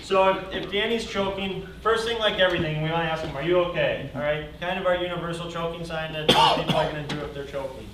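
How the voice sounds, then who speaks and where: Echoey, higher-pitched man teaching first aid. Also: fast talker, few pauses. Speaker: first-aid class instructor, firefighter. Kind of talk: informal hands-on class demonstration. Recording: echoey room, distant mic, faint noise.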